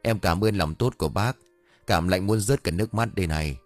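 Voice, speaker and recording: A man's voice: sits low, fairly quick, no room sound, soft background music. A man voicing a cheeky, greedy young man who whines and complains. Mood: whiny cheeky. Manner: whining, complaining, mocking.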